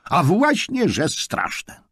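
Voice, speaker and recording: A man's voice: lowish voice, a little fast, dry recording, studio quality, voice pushed up, natural voice. A man voicing an irritable, bossy chef and father in an audiobook, snapping and exasperated. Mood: angry.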